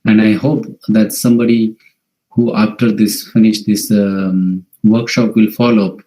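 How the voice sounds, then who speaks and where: Marathi indian guy doing an online workshop talk, lowish mellow voice, kinda halting, restarts phrases. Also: level tone, rough recording. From Maharashtra, India. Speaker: workshop presenter. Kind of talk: informal online presentation. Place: video call.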